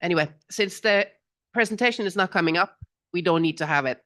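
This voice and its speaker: This is a middle-aged woman with a low voice, talking into a handheld mic at a conference. She sounds relaxed and chatty, with little laughs and restarts, and the sound is dry and close. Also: a little fast, dry recording. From Norway. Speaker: business association representative and panelist. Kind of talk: informal panel talk at a conference. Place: conference hall, on stage. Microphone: handheld microphone.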